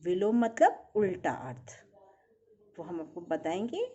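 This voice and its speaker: A woman's voice: lowish voice, big pitch swings, a little slow, warm tone, muffled recording, a little hiss or hum. A woman teaching a recorded primary school lesson, patiently asking and answering her own questions.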